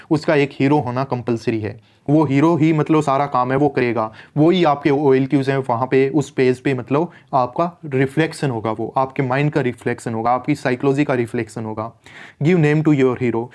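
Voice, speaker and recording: A man coaching exam candidates, talking in a relaxed, conversational way. He drops English terms into his explanations and slows down to read out the rules. His pitch sits in a middle range. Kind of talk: instructional explainer.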